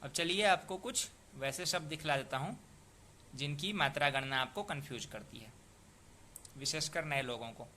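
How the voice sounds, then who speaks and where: Bright-voiced man patiently teaching poetic meter. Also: fairly high pitch, a little hiss or hum. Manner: patient, repeats and sounds out words slowly. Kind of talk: explanatory lesson.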